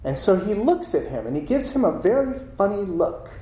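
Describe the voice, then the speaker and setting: A playful male storyteller who tells the tale casually and acts out each character as he goes. His voice is a little high and moves up and down in a very lively way. The room he is in is echoey. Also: moderate pace. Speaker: storyteller, teacher.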